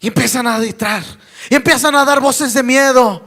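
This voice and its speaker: A fervent male pastor preaching to his congregation, with a strikingly high voice. His tone is bright and forceful, and he keeps calling out to the brothers in the pews. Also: moderate pace, in a large hall. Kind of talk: sermon.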